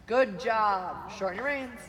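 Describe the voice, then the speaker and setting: A woman coaching a rider with brisk, projected commands, repeated rhythmic cues and short bursts of praise. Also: medium pitch. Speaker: horse riding coach. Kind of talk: live dressage riding instruction. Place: large indoor riding arena. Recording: noisy indoor riding arena. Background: horse hoofbeats and arena ambience.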